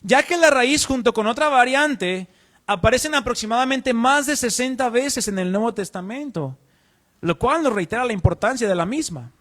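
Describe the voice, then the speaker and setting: A man's voice: very high voice, lively intonation, normal speed, fairly bright tone. A man preaching a teaching sermon in an earnest, explanatory way, asking the congregation questions. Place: church.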